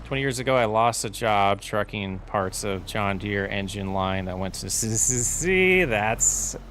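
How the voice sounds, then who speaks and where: Low-pitched guy rambling to chat on a farm game stream, faint engine hum behind. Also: animated, unhurried, a bit bright. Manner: rambling, self-correcting, answers chat questions. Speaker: streamer playing a farming game. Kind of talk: casual live-stream chat while gaming.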